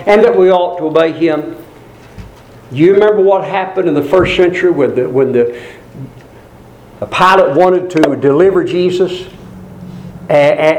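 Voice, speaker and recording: A man delivers a sermon in a fairly high voice that leaps up on emphatic phrases and sinks low for solemn remarks. He repeats key words to drive them home. The room around him is echoey. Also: darkish tone. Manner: swings between high emphatic peaks and low grave asides; quoted crowd voices in raised pitch. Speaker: preacher.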